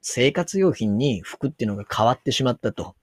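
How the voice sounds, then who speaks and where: A man's voice: medium pitch, animated, brisk, no echo. Musing Kansai man, dry close sound. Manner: musing aloud, reads passages out. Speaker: solo commentator. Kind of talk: casual commentary on a news article.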